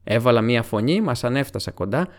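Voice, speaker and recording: A man voicing an excitable, flustered hobbit servant who is eager to report what he saw, in an audiobook reading. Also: medium pitch, lightly acted.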